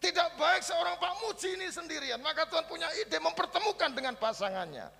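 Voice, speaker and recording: Gravelly Javanese-accented preacher man. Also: very high-pitched, fairly quick, soft background music. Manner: lively storytelling, swings between soft asides and loud preaching. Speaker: pastor. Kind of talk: sermon. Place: church hall. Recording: reverberant church hall.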